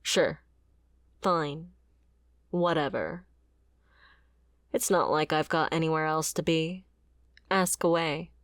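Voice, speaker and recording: A woman performs a dramatic ASMR roleplay as a fiery mercenary, a wounded former bodyguard with a bitter, sardonic edge. Her slightly low voice is slow, sullen and dismissive as she confronts the listener, recorded close and very dry with no room sound.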